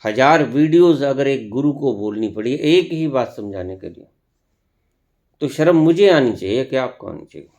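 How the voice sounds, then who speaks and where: A man giving a spiritual discourse as a teacher, speaking deliberately with long pauses and sometimes scolding his listeners with rhetorical questions. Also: medium pitch, animated, a little mellow.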